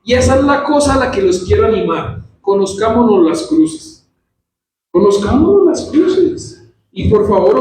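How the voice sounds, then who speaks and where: A male pastor preaching an animated sermon in a church, acting out quoted voices. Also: very high voice, slight background noise. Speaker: pastor teaching a church service. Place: church hall. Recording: very echoey church hall from far off.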